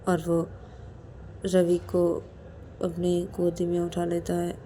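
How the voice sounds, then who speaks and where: Woman storyteller, casual narration, repetitive step-by-step, low, warm-toned voice. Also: monotone, slow, slight background noise.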